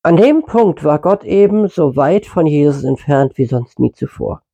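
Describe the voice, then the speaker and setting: Mellow, husky man teaching scripture. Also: fairly high pitch, animated, normal speed. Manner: conversational, uses fillers, corrects himself mid-sentence. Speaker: preacher. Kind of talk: informal Bible teaching.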